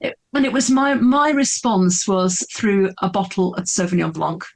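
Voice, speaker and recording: A middle-aged woman, a speaker and coach appearing as a podcast guest, tells her story in a candid interview, earnest and emphatic and often repeating words for effect. Her voice is gravelly and animated, medium in pitch, at a normal speed.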